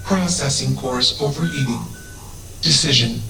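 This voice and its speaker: A man voicing a logical, curious robot in a video game, speaking flatly and without emotion in clipped status words. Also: medium pitch, unhurried, gravelly, loud music behind the voice. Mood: monotone. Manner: flat, emotionless, clipped one-word status tags. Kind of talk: video game character dialogue.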